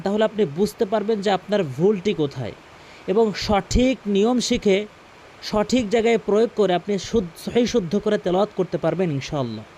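A man with a high-pitched voice teaches recitation, explaining pronunciation rules step by step. He repeats each word slowly and with firm emphasis, drilling it for the listener. A faint hiss sits under the close-miked voice. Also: darkish tone. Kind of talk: instructional explanation with slow recited examples.

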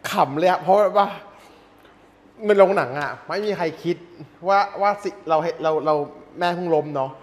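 A man co-hosting a casual reaction chat, excitable and swearing freely. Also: on the high side, moderate pace. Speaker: reaction video co-host. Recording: reverberant room with faint noise.

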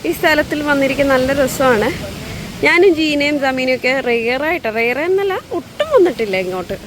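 Female vlogger, higher-pitched, casual, code-mixes English; clearly noisy outdoor recording. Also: animated, fairly quick. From Lakshadweep, India. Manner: mixes English words into Malayalam. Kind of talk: casual chatty vlog. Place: outdoors at a park by a beach.

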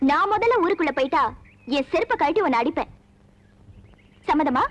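Bold young village woman, picks fights, high-pitched and bossy. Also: animated, a little fast, dull audio. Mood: defiant. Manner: sharp, challenging and bossy. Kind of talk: 1990s film acting.

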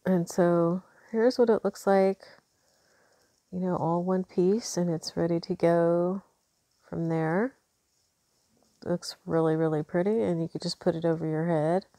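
Congested from allergies, a woman chats her way through a casual beading tutorial at an indoor craft table, thinking aloud with lots of ums. Her lowish, mellow voice stays steady and unhurried with frequent pauses, and there's no echo.

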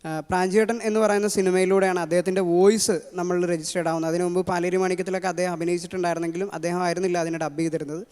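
Malayali man, mimicry artist, fast, high voice, lots of fillers, long hall reverb. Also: level tone, a little mellow, clear, resonant tone. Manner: quick, with many fillers. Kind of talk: introducing impressions on stage.

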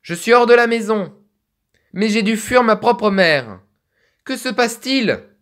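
A man's voice: high-pitched, expressive, measured pace, a bit bright, voice pushed up. A young man voicing a frightened teenage girl in a raised, pleading voice while reading a text-message game. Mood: scared. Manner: anxious, pleading.

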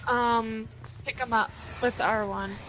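A woman's voice: fairly high pitch, fairly even intonation, slow, a bit bright, poor audio. A young woman casually explaining game controls and tactics to a friend, with some swearing. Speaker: gamer coaching a friend through a game. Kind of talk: casual gaming chat.

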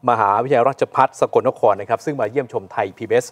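A man hosting a studio talk show, chatty and teasing with a student audience. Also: medium pitch. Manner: jokey, chatty, quick. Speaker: TV host.

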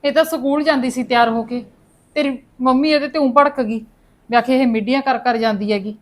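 A woman's voice: high-pitched, a little fast, close to an everyday voice. A woman playing a meek mother who begs for the quarrel to stop. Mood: pleading. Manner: soft, begging, appeasing. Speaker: mother of the girl being scolded.

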